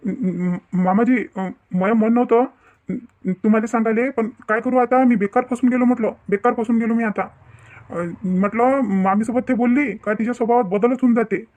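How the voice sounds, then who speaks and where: A man's voice: very high voice, steady tone, normal speed, a little mellow. A man voicing a stammering young son-in-law. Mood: complaining. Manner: hesitant, stammering, complaining. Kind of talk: cartoon family drama.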